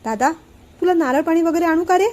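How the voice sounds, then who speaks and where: Woman doing anxious young brother, high voice, storybook reading. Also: fairly quick, a little mellow. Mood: eager.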